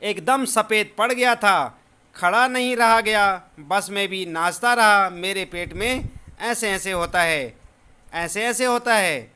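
Bewildered father recounting his son's complaint, read by a male teacher, high and bright. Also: slow pace, smooth, full character voice. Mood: puzzled. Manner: explaining, bewildered. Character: puzzled father of a sick boy.

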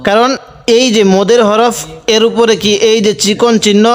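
A man with a Bangladeshi Bengali accent teaching Quran reading, spelling out each letter and vowel mark and then reciting the words slowly, asking his own questions and answering them. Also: high-pitched, little pitch movement, faint music behind.

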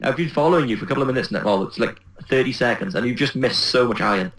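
A Welsh man joking excitably as a let's play co-host. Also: medium pitch, rapid-fire. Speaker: gamer co-host. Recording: roomy echo.

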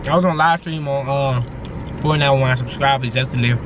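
A young man chats to his viewers while chewing a mouthful of food, his words loose and slangy with plenty of "um"s. He sits in a car, and a steady air-conditioning hum runs clearly under his voice. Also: mid-range voice, a little fast. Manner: loose slang-heavy talk to viewers, fillers. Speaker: YouTuber. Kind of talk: casual mukbang vlog chat. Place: parked car. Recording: noisy car interior with AC hum.

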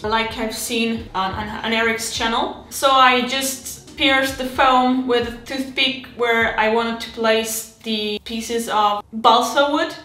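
A miniature terrain hobbyist in her thirties chats casually about her build, halting often with restarts and fillers. Her fairly high, sharp voice is recorded at home on a desk camera mic and sounds reverberant.

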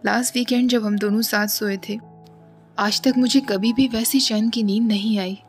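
A woman's voice: fairly high pitch, fairly even intonation, moderate pace, soft background music, natural voice. A woman voicing a brooding, bossy young man who keeps pressing and coaxing in a storybook reading.

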